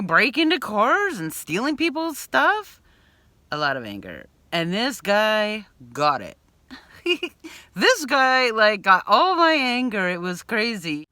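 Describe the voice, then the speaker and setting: A woman vlogger telling a story to camera in an animated way, acting out scenes and yelling some lines. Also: medium pitch, dry recording. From Bay Area, California. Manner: expressive, acts out scenes with loud bleeped yelling. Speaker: van life vlogger.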